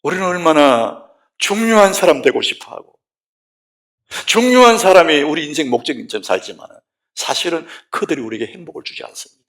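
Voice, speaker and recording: A middle-aged man, a pastor, preaching a sermon in a church, moving between hushed whispers and loud exclamations. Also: a little high, lively intonation, brisk. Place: church sanctuary.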